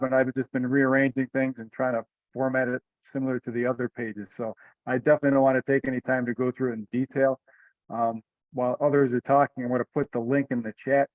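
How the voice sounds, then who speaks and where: Chairing an informal online meeting, a man speaks in a relaxed, colloquial manner at a medium pitch. The audio is dull and lo-fi, like a dry conference call with very little room sound and no echo.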